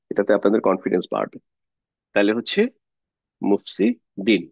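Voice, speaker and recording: A man's voice: mid-range voice, a little mellow, dry recording, muffled recording. A man teaching an online Arabic grammar class, explaining patiently step by step and mixing English words into his speech.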